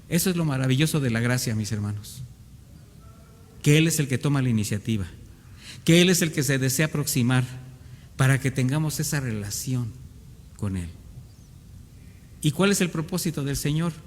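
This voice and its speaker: A male pastor, delivering an earnest sermon in church and acting out the voices of doubting believers. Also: fairly high pitch. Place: church hall. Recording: reverberant church hall, faint background noise.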